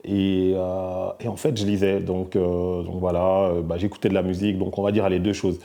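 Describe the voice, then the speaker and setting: A middle-aged man from Belgium, answering interview questions in a soft-spoken, hesitant way with many fillers. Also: sits low, level tone, moderate pace. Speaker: musician guest.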